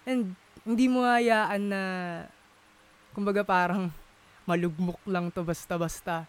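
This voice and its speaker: High-voiced man musing aloud. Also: flat delivery, slow, clear, resonant tone. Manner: searching for words, many fillers, Taglish code-switching. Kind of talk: casual conversation.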